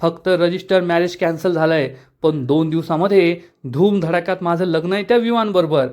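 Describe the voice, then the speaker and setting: A man's voice: fairly high pitch, moderate pace, close to an everyday voice. A man voicing an angry, exasperated young woman. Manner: sharp, exasperated. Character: angry young woman facing a forced wedding.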